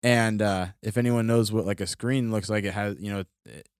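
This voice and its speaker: A man's voice: lowish voice, steady tone, moderate pace, clear, resonant tone, no echo, clean studio sound. A young man from Florida telling a childhood story as a podcast co-host, in a rambling, casual way full of fillers and restarts. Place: studio.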